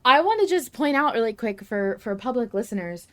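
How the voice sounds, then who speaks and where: A woman hosts a podcast, speaking in a fairly high, sing-song voice that's a little fast and fairly bright. As a fan, she casually discusses an audio drama she follows, her thoughts earnest, emphatic and running on.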